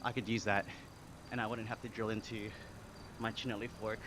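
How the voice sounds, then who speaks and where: A man's voice: on the low side, a little fast. Chatty Australian man with background noise. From Sydney, Australia. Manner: relaxed and chatty, reading chat aloud. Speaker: livestreamer. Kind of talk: casual live-stream chat. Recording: clear background noise with insects.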